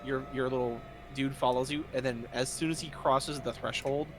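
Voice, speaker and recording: Music plays under the narration as a man runs a tabletop RPG as its game master, casually voicing sound effects himself. He speaks with a mid-range, steady voice at a moderate pace against a noisy background.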